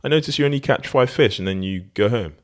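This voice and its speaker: A man voicing an eager rich businessman who is pitching a plan with persuasive enthusiasm. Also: fast talker, close to an everyday voice.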